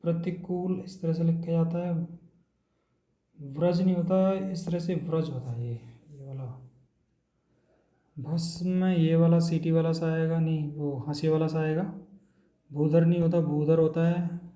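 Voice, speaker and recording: A man teaching an exam-prep lesson in a steady, drilling manner, taking words one at a time. His voice is dark and mellow yet sits a little high, with a fairly flat, even melody. The room around him adds a noticeable echo. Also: unhurried.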